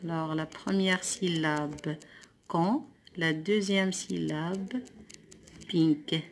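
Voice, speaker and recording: Moroccan lady teacher going over french exercises, slow careful reading then fast explaining. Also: deep voice, steady tone. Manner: slow deliberate dictation of words, switching to quick explanations. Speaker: primary school French teacher.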